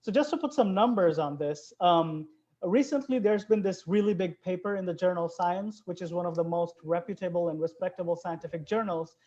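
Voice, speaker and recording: Mellow-voiced biologist from Bangladesh, earnest. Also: mid-range voice, a little fast. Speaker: biologist guest. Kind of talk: interview explanation. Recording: dull lo-fi recording.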